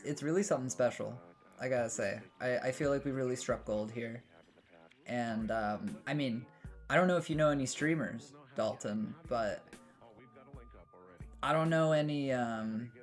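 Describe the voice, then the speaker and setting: Chatty young American man streaming. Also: medium pitch. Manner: rambling, chatty, answers chat, many restarts. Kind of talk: casual live-stream chat while gaming.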